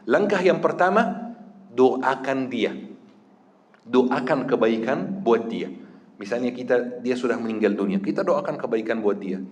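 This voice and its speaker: A man's voice: mid-range voice, animated, measured pace. Man preaching in a reverberant hall. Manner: earnest, addresses the congregation directly, drops to soft tones. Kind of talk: sermon.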